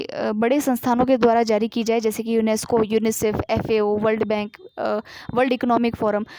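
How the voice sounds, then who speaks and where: A woman's voice: high-pitched, darkish tone, a little hiss or hum. A woman teaching a current-affairs lesson for exam students, reading news items aloud and then explaining them in plain asides with frequent fillers. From India.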